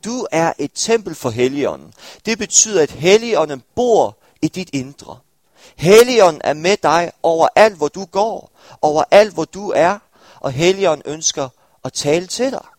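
Earnest male preacher, bright dry voice. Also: on the high side, no room sound. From Denmark. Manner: earnest, addresses listeners with questions. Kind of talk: sermon. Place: church hall with congregation.

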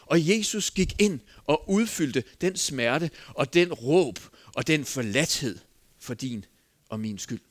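A man preaching a sermon, with an expressive delivery that moves between emphatic and hushed. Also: on the high side.

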